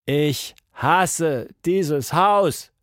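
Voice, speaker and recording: A man voicing a stubborn, cheeky little girl in a children's story, calling out loudly. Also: fairly high pitch, lively intonation, moderate pace, no room sound, clean studio sound, pitched above the performer's own voice. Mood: eager, loud. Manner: loud and eager.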